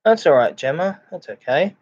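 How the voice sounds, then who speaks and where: A man hosting a casual livestream chat, greeting viewers in a halting, repetitive way. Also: a little high, animated, darkish tone, husky. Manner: halting, repeats phrases. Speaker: live streamer, host of a chat and ASMR stream. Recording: dull lo-fi microphone sound.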